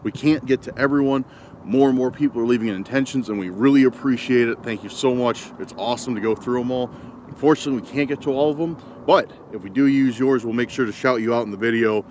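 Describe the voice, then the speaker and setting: A man's voice: medium pitch, quick pace, a little mellow, slight background noise. A man out in the cold at night, vlogging to a handheld camera in a rambling, easygoing way. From Illinois. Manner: rambling, easygoing, self-correcting. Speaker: vlogger exploring outdoors. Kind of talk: casual chat to camera.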